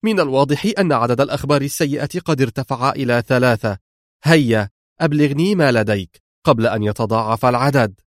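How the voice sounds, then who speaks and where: A man's voice: fairly low pitch, a little fast, dry recording, studio quality, close to an everyday voice. A man doing a stern, mocking woman mob boss. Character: proud sharp-tongued woman crime family boss.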